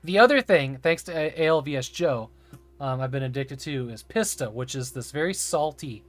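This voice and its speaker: A man's voice: mid-range voice, animated, normal speed. A man streaming a game, chatting casually and enthusiastically with laughing asides. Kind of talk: casual live-stream chat while playing.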